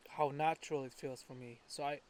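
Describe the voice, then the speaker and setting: A man's voice: a little high, steady tone, darkish tone. A man, chatting in a reflective, hesitant way in a casual vlog. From Sweden. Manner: reflective, hesitant, halting restarts. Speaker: vlogger. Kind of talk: casual chat. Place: countryside home, birds around.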